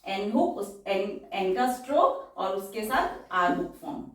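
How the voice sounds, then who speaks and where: A woman shorthand teacher, explaining slowly and repeating each example word several times. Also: medium pitch, animated. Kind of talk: explanatory lesson. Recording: very echoey room, voice far from the mic.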